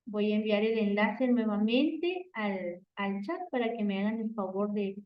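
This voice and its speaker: A woman teacher giving an online grammar lesson, explaining slowly and repeating herself with many "entonces" and "por favor". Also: mid-range voice. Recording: echoey, distant, dull online audio.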